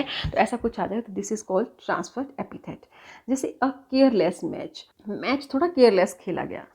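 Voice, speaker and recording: A woman's voice: mid-range voice, darkish tone, husky. Patient woman teacher. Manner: mixes Hindi and English, checks understanding often; reads English definitions slowly, word by word. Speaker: English teacher. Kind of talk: classroom lesson explaining grammar terms.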